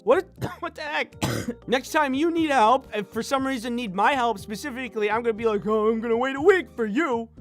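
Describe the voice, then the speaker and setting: A young man narrating an animated storytime, expressive and sarcastic, mimicking the people he talks about. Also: high-pitched.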